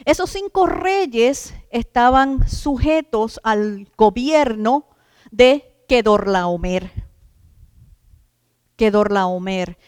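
A woman's voice: a little high, expressive, extremely slow, a little mellow, smooth, no echo, studio quality, long reverb tail. A woman preacher giving an emphatic sermon, stretching out key words and addressing the congregation as brothers.

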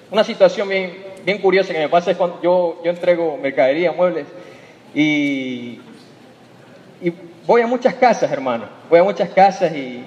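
A man preaches with a high, ringing voice, leaning on "hermano" and acting out small stories to make his point. His voice trails off into the long reverb of a church hall, heard through a dull, muffled recording. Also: darkish tone, a little hiss or hum. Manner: calls listeners "hermano" over and over, tells everyday stories with acted voices. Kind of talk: sermon.

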